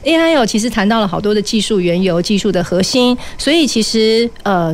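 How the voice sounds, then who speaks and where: A woman with a Taiwanese Mandarin accent speaks as a public radio host, politely explaining and interviewing in a conversational way with soft sentence particles. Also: fairly high pitch.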